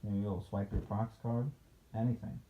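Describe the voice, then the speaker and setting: This father has a lowish voice with a level tone and a normal pace as he reads a picture book to a child, pausing to poke playful, chatty criticism at it. The home recording is dull and noisy, blending the read-aloud with casual conversation.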